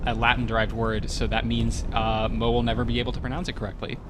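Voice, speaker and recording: A man's voice: medium pitch, flat delivery, quick pace. A man in a mid-range voice teases his friends with dry jokes during casual gameplay chat. The voice-chat recording carries noticeable background noise. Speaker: guest co-commentator.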